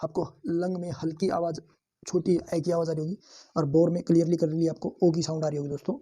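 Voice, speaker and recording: A man teaching a shorthand lesson, saying each word slowly and several times so students can repeat after him, and calling his viewers friends. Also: a little high, level tone, mellow, husky. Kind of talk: lesson with drilled repetition.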